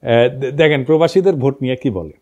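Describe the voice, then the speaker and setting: A middle-aged online host with a northern Bangladeshi accent gives informal, mocking political commentary packed with stories and rhetorical questions. He speaks a little fast in a medium-pitched, slightly mellow voice, and the audio sounds dull.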